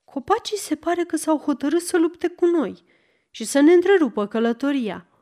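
A woman's voice: sits high, animated, warm tone, pitched above the performer's own voice. A woman narrator voicing a talking lion in a storybook reading. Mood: puzzled. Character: talking lion, traveling companion.

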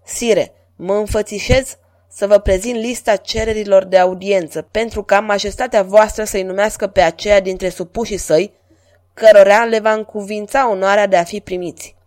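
A woman voicing a stern male police chief in a storybook reading, speaking formally and in a measured way. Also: medium pitch, steady tone, darkish tone, natural voice.

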